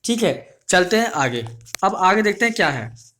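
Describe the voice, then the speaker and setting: There's slight background noise as a man with a high-pitched, very animated, bright and forceful voice teaches an exam-prep grammar lesson. He slowly drills and repeats each definition, asks and answers his own questions, and calls his students his dear children.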